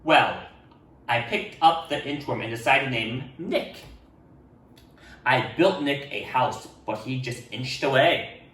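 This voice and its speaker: An animated man reads a picture book aloud to children, expressive and addressing them directly with asides, acting out the dialogue. His medium-pitched voice is a little slow. A distant microphone gives a roomy echo, with a little hiss or hum.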